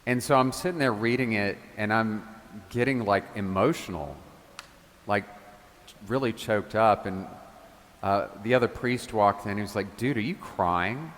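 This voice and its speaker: A man with a fairly low voice delivers a homily in a church, talking like he's chatting with friends. He tells stories with casual asides. The sound rings with a long reverb from the large space around him. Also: unhurried. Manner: conversational, animated storytelling with casual asides. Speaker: parish priest.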